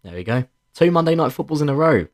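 A man co-hosting a sports podcast in relaxed, informal conversation. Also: on the high side, fast talker. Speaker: podcast co-host. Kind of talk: casual sports podcast chat.

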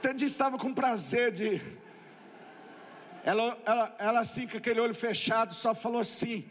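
High-voiced Brazilian preacher in a reverberant hall. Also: male voice, moderate pace, slight background noise. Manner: lively storytelling with comic asides. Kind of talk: humorous testimony sermon.

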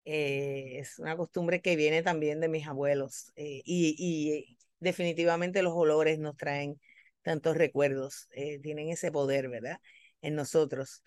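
A man hosting a podcast interview, asking questions gently with fillers. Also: a little high, fairly even intonation, measured pace, clean tone, no echo, studio quality. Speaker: podcast host.

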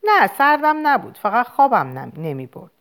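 A woman voicing a lively, playful young girl in an audiobook, with a higher, coaxing childish tone. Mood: evasive. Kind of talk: audiobook character voice.

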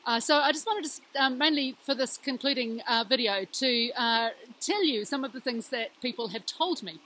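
A woman talking earnestly and reflectively to a laptop outdoors beside a rushing river. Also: sits high, sharp tone, low-quality recording. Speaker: student presenter of a video reflection. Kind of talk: informal talk to camera with quotes and prayer. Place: outdoors in snowy woods beside a rushing mountain stream. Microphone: laptop microphone. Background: rushing river water and birds.

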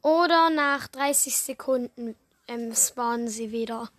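A woman's voice: fairly high pitch, unhurried, no echo. A woman co-hosting a casual video, rambling through an explanation with many fillers. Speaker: co-host. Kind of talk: casual chat.

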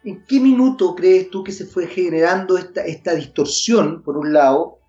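A man's voice: high-pitched, moderate pace, mellow, soft background music. A man hosting a podcast, asking long, hesitant questions full of restarts and fillers. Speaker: podcast host. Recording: dull lo-fi audio.

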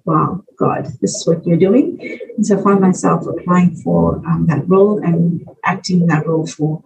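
A woman's voice: fairly low pitch, normal speed, creaky. A middle-aged woman from South Africa answering conversationally as a podcast interview guest. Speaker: podcast guest, children's ministry worker. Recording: muffled distant mic, faint noise.

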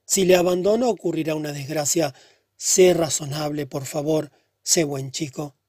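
A man reading the part of a pale, troubled young woman who speaks softly and sadly. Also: deep voice, moderate pace, no room sound, studio quality. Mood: pleading. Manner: soft, subdued and hushed.

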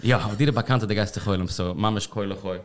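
A man's voice: lowish voice, fast. A man hosting a podcast in a studio, chatting loosely and rambling, with English words mixed in. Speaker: podcast host. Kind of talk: casual interview chat.

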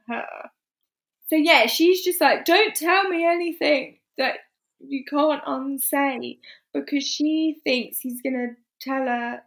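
A woman with a high, bright voice chats casually about a film. She is animated, laughs often and acts out the characters' lines as she retells the plot.

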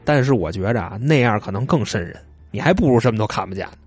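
A man's voice: lowish voice, animated, quick pace, breathy edge, soft background music. Chatty man telling stories. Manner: chatty, retells stories with loose asides. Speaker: storyteller. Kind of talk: casual storytelling chat.

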